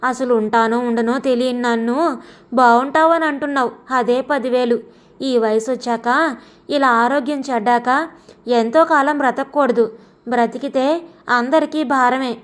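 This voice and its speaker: A woman voicing a frail, bedridden old grandmother who speaks gently and with resignation, in an audio story. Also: a little high, fairly even intonation, unhurried, natural voice. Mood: resigned.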